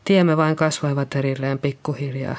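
A reader voicing Liisa, a nervous middle-aged nurse who found a body and speaks in a hesitant, shaky way. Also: female voice, rumbling low, steady tone, a little mellow. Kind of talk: audiobook reading.

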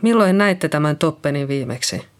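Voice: mid-range voice, expressive, lightly acted. An audiobook reader voicing a thin male police officer who questions a witness in a cold, curt, probing way. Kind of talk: audiobook character reading.

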